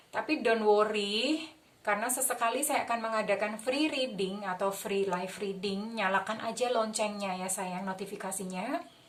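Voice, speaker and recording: A woman's voice: medium pitch, distant mic. Soothing Indonesian woman tarot reader. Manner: soothing, affectionate, mixes English phrases. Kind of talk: guided healing visualization and tarot talk.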